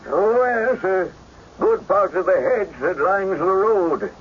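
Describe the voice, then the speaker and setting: Flustered doctor, highish lively voice. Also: male voice, takes it slowly. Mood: earnest. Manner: hesitant, flustered, stammering. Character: bumbling, earnest, puzzled Victorian gentleman doctor, male companion. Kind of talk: old-time radio mystery drama acting. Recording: dull, lightly noisy radio drama recording.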